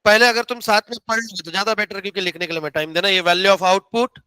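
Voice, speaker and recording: A man teaching economics to a class, teasing his students and calling them beta while he slowly spells out formulas. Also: high-pitched, pushed and bright, clean tone, no room sound. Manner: teasing, calls students beta, drags out key terms. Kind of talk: classroom lecture.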